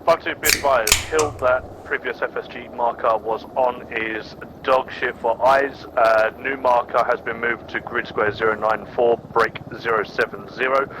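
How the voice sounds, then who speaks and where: A man's voice: medium pitch, steady tone, normal speed, hardly any pauses. A man giving clipped, formal call-sign reports over a game radio with bursts of static. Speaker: squad leader radioing in. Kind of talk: military radio procedure in an online war game.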